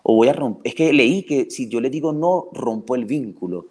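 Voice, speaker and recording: A man from Colombia, a dog trainer, explaining his methods at length in a podcast interview, animated and full of restarts as he acts out owners and dogs. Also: mid-range voice, moderate pace.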